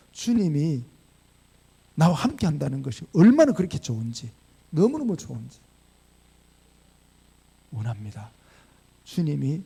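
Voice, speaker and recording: Male pastor, middle-aged, storytelling sermon, high voice, gravelly. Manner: storytelling preacher, swings from quiet to emphatic.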